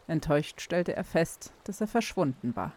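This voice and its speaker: A woman reading a fantasy audiobook chapter aloud in a calm, steady storytelling manner. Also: deep voice, moderate pace. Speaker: audiobook reader. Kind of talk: scripted narration.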